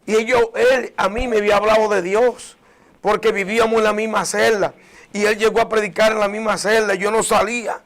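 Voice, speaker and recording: A man with a notably high voice tells his personal faith testimony. He speaks earnestly and with emotion. He often restarts phrases and sinks into softer, quieter passages. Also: fairly even intonation, brisk. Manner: earnest and emotional, with many restarts and soft drops in volume. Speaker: guest sharing a testimony.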